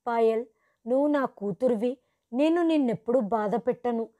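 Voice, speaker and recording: A woman voicing a gentle, worried mother who speaks softly and pleads with her daughter. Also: a little high, normal speed, no echo, close to an everyday voice. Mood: tender.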